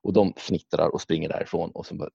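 A man's voice: deep voice, fairly even intonation, creaky, mellow, husky, no echo, dull audio. A man chatting casually, rambling through stories with lots of fillers, restarts and swearing. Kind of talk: casual chat about video games.

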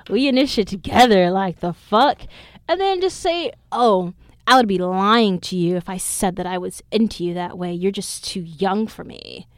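A woman's voice: medium pitch, dry recording, clean studio sound. A woman in her twenties hosting a podcast, telling a story in a casual, blunt and profane way. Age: 20s. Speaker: podcast host. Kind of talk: casual chat.

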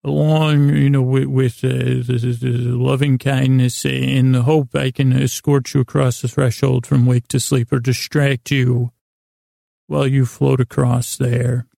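In clean studio quality with no echo, a man with an American accent delivers a whimsical, wandering bedtime monologue for his sleep podcast. His medium-pitched voice is breathy, creaky and warm, and he keeps a level tone while he stammers, halts and cuts himself off.

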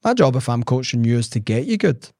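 A man's voice: mid-range voice, sing-song, fast, darkish tone, dry recording, clean studio sound. A man, co-hosting a casual podcast and telling stories with quoted dialogue. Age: 40s. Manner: storytelling, acts out quoted dialogue. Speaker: podcast co-host.

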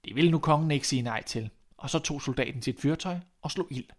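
A man reads a classic fairy tale aloud in a middle-pitched voice. His narration is measured and expressive, with a storyteller's steady rhythm.

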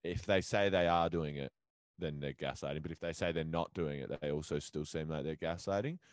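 Low-pitched man riffing casually. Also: fairly quick, no room sound. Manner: sweary, matey, riffing. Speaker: podcast co-host. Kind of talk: casual comedic chat.

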